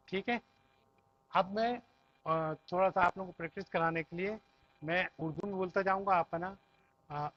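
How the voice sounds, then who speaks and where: High-voiced patient male Arabic teacher. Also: a bit bright. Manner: patient, repeats each phrase and explains word by word. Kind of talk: classroom language lesson. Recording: dull lo-fi recording.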